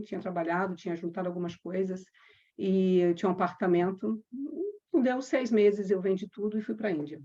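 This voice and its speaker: A woman from Brazil, a yoga teacher, telling a personal story with quoted dialogue and slow chanted mantras. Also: mid-range voice, dark tone. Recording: dull lo-fi sound.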